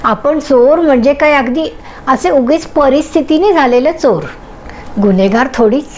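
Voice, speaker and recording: A woman narrating a short story in a gentle, unhurried way. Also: sits high, slight background noise, poor audio.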